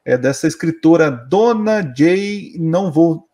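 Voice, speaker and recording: A man's voice: on the high side, lively intonation, takes it slowly, dark tone. A man, a father, chatting casually and animatedly with frequent hesitant restarts. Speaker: father, co-host of the conversation. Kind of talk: casual conversation.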